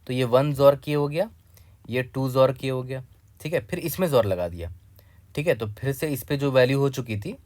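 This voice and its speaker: A man in the middle of his pitch range walks viewers through a coding problem step by step. He talks conversationally, keeps asking if things are clear, and drops in technical terms. The recording is close and dry, with no room echo. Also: a little mellow. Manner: conversational, repeats "ठीक है" often and addresses the viewer directly. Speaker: coding tutor. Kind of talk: explaining a coding problem on a whiteboard.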